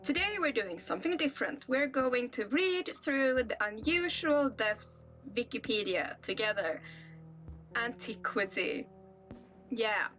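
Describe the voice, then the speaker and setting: A woman's voice: on the high side, fairly bright tone. A young woman with a Swedish accent, hosting a casual reaction vlog, reading a list aloud and musing in rambling asides. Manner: rambling, musing asides between read-out passages. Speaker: channel host.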